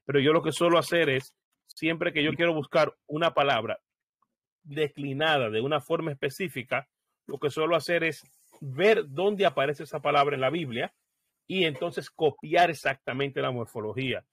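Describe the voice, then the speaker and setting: The recording is dry as a man with a fairly high voice leads an easygoing screen-share walkthrough of searching Bible software. He talks through every move and keeps halting on fillers while thinking aloud.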